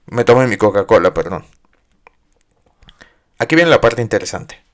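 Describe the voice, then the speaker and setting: A man's voice: on the low side, big pitch swings, unhurried. A man hosting a psychology podcast, explaining ideas in a casual, conversational way and putting questions to his listeners. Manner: conversational, asks listeners questions, uses everyday examples.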